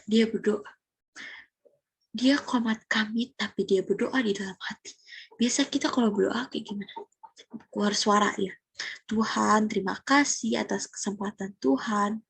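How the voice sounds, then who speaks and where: Young woman Sunday school teacher, husky, fairly high voice, dry close sound, animated storytelling with questions to the kids. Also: dry recording. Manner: animated, asks children questions, drops into whispers. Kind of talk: Bible storytelling lesson for children.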